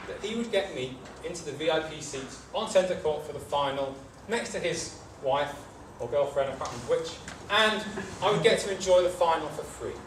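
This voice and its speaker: A high-voiced young British man spins a comic tall tale as a club speech. He tells it theatrically, pausing for effect and leaning on key words. The recording is distant and roomy, with clear background noise. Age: 20s or 30s. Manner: theatrical storytelling with dramatic pauses and emphasis. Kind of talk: humorous tall-tale speech to a live audience. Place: echoey meeting room with an audience. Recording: roomy, noisy, distant microphone.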